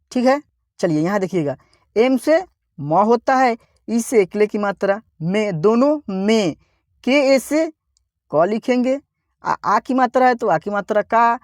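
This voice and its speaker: A man teaching an online reading lesson slowly, spelling out each word, repeating it and asking viewers to say it back. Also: sits high, a little mellow, dry recording, clean studio sound.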